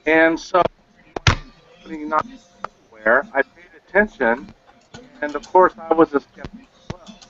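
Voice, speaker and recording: Man on a glitchy, breaking-up call. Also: on the high side. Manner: halting, fragmented sentences. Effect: glitchy breaking-up internet call audio, words dropping out. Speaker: program member sharing his testimony on a group call. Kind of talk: casual spoken testimony. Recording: lo-fi online call audio.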